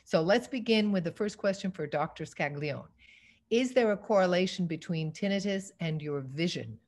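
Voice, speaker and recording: A woman moderating a webinar Q and A on a video call, upbeat and brisk as she reads out questions. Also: lowish voice, expressive, a little mellow. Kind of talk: hosting a Q and A.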